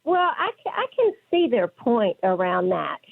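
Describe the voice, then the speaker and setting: A woman's voice: medium pitch, sing-song, unhurried, gravelly. A woman with a West Texas twang, speaking conversationally as a counselor being interviewed on the radio. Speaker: interview guest, licensed professional counselor. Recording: phone-like narrow band.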